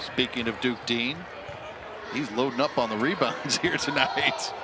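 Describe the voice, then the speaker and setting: A man's voice: medium pitch, measured pace, heavy background noise. A man calling live basketball as a play-by-play announcer. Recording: loud crowd and music behind commentary. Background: arena crowd, bouncing ball.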